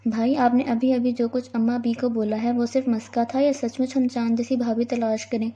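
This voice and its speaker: A woman's voice: a little high, slightly rough. Eager young student sister, read by a woman. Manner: eager, excitable. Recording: dull lo-fi recording.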